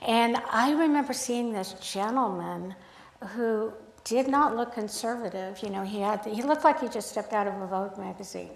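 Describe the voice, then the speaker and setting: A woman photographer giving a casual, storytelling talk at an art club, chatty and animated, acting out the dialogue she recalls. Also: mid-range voice, moderate pace, vocal fry. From United States, grew up in Sacramento. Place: art club event room. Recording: echoey room.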